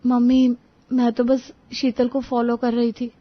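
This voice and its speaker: A woman's voice: on the high side, a little slow, dull audio, pitched above the performer's own voice. A woman voicing a playful, outspoken young daughter-in-law who talks teasingly. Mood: defensive. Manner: teasing, lively.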